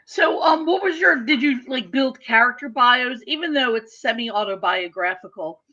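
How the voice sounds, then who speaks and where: A woman's voice: fairly high pitch, animated, normal speed, sharp tone, dull audio. A woman host who asks chatty, hesitant interview questions full of ums.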